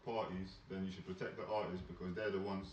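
A young man with a London roadman accent, talking very quickly in casual street slang. He is emphatic and repetitive, with a slightly low voice, and the sound is roomy and a little distant. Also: little pitch movement, a little mellow. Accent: London roadman, urban street slang. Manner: emphatic, repeats himself, tags phrases with "bro" and "innit". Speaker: podcast co-host. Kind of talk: casual banter and opinion with heavy street slang. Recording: roomy, distant, dull with faint noise.

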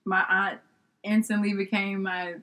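A woman telling a childhood story in a casual interview, lively and laughing, with slang and a little swearing. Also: medium pitch, a little slow. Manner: animated storyteller who laughs and acts out quoted people. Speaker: guest.

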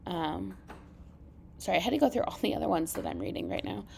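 A woman hosting a podcast, chatting casually and emphatically about books, with creaky vocal fry and congested sinuses. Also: fairly low pitch, huge pitch swings, a little fast, warm tone, slight background noise. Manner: informal, emphatic, enthusiastic. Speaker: podcast host. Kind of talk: casual book review chat.

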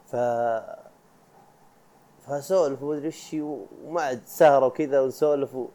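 A man's voice: mid-range voice, steady tone, a little slow, dark tone. A young man from Arabia, hosting a casual solo podcast in a chatty, rambling way, often breaking off mid-thought and laughing. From Saudi Arabia. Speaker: podcast host.

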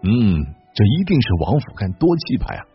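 A man voicing a sly court nobleman who drops hints to the emperor in a hushed, knowing way. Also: lowish voice, very animated, a little fast, slightly rough, lo-fi sound, faint music behind, heavily acted.

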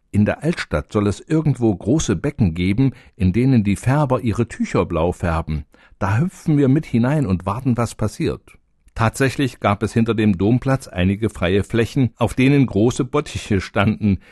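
A man narrating a storybook tale in a calm, even manner. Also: lowish voice, no echo, studio quality.

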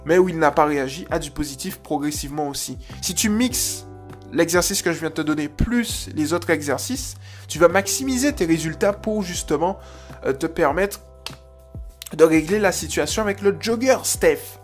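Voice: mid-range voice, expressive, moderate pace, soft background music. A dog trainer giving a client casual, chatty advice, with many fillers and restarts. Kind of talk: casual spoken coaching advice.

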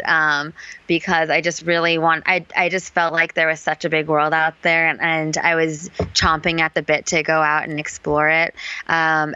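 A woman's voice: low voice, pushed and bright, smooth, no room sound. A woman in her twenties from California, talking casually and reflectively as an interview guest, with many ums. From California, USA. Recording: dull lo-fi sound, dry.

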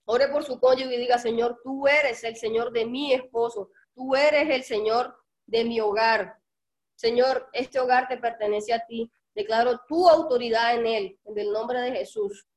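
A woman's voice: fairly high pitch, unhurried. Fervent woman preacher leading prayer. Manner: fervent, commanding, repetitive declarations. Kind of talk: sermon with guided prayer.

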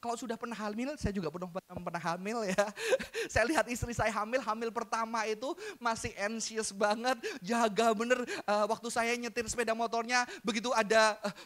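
A man preaching a sermon to his congregation, animated and joking, mixing in English phrases. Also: extremely high pitch, normal speed. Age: adult, father. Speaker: pastor.

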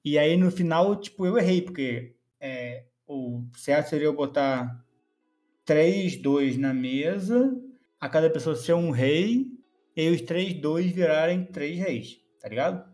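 A man's voice: a little high, a little slow, darkish tone, soft background music. A young man co-hosting a casual podcast, bantering playfully and telling anecdotes. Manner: playful, mock-indignant banter. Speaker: podcast co-host. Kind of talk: casual chat.

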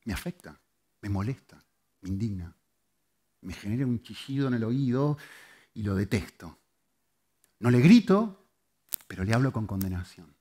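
A man preaching a sermon, moving between loud, emphatic lines and soft, hushed ones. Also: fairly low pitch, animated, moderate pace, pauses often, husky. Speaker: pastor.

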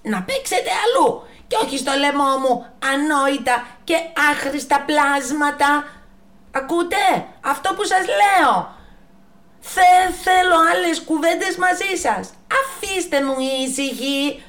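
A woman voicing a tall, haughty female giraffe in a storybook tale, scolding loudly in a high, strained voice. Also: animated, recorded from a distance. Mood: angry. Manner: scolding, shrill and loud.

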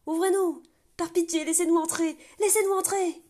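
A man's voice: extremely high pitch, fairly even intonation, moderate pace, darkish tone, voice pushed up. A woman voicing a terrified male gate guardian who screams and sobs as he begs to be let in. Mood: desperate. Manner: screaming, pleading, sobbing.

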